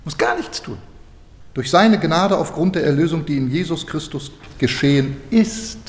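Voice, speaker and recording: A man preaching a sermon, telling stories lively and acting out the dialogue. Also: fairly high pitch. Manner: animated storytelling, acting out dialogue with laughter. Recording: echoey hall.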